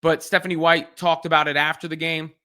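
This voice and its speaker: Thinking aloud on his own, this earnest male sports commentator speaks a little fast in a flat delivery. His high, bright, forward voice frequently circles back to repeat or restart phrases.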